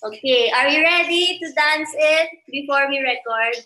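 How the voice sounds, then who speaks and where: A woman's voice: high-pitched, measured pace, bright, forceful tone, rough recording. A woman with a Filipino accent teaching a dance class, encouraging the students and counting the beats aloud.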